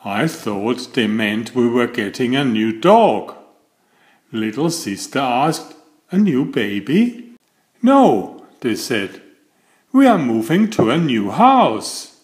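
This is an older man, a children's book reader and host, reading aloud with real expression and a pitch that jumps around animatedly. He paces himself slowly and deliberately, in a room that echoes a little.

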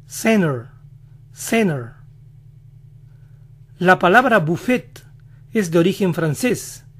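Male language teacher, slightly high voice, very slow and careful delivery, repeats example words. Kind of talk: slow instructional explanation.

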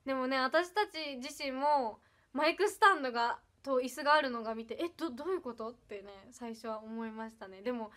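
A high, bright young woman speaks in an Iyo dialect with touches of Kansai, chatting casually on her livestream. She is bubbly and giggly and thanks viewers one by one. Her voice is crisp and lively. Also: moderate pace. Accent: Iyo dialect with some Kansai. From Ehime, Japan. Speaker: idol livestreamer. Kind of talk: casual livestream chat reading comments.

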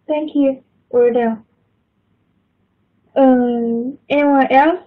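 This woman's voice is high and mostly level, and she talks very slowly while coaching English pronunciation in a virtual class. She patiently corrects her students, naming each one as she calls on them, and the call audio sounds tinny.

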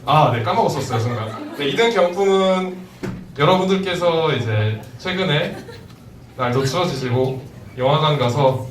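A man's voice: a little high, animated, moderate pace. A man hosting a live prize draw as a polite, playful prize announcer who jokes with the audience in a formal stage manner. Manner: playful, joking, laughs while announcing. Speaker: host of a prize draw at a band concert. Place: indoor live music venue. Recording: echoey live venue, distant mic, loud crowd. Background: loud audience crowd.

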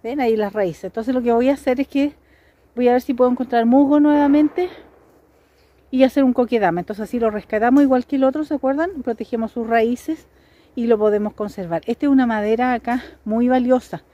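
A woman vlogging outdoors in a forest, chatting excitedly and addressing her viewers directly. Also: a little high, brisk, muffled recording. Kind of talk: outdoor vlog to camera. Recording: noisy outdoor camera audio.

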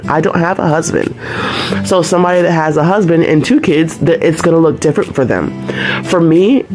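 Middle-aged woman, earnest faith chat in home kitchen, camera across room, music under. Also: sits low. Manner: earnest, conversational, preachy. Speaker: homemaking vlogger. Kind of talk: casual faith talk while cooking. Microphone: fixed camera across the kitchen. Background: background music.

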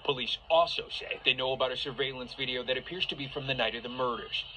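A male news correspondent narrating a broadcast report in crisp newsreader style. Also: medium pitch, quick pace, very noisy.

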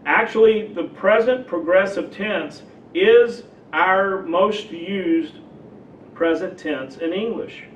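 A man preaching a teaching sermon and slowly explaining examples one by one. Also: sits high, slight background noise. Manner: slow, deliberate explaining with spoken examples. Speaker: pastor. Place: church sanctuary. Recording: echoey church hall, mic at a distance, dull sound.

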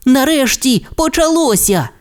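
A man voicing an excitable young boy troodon dinosaur in a children's audio tale, talking in eager exclamations. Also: very high-pitched, normal speed, pitched above the performer's own voice. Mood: excited.

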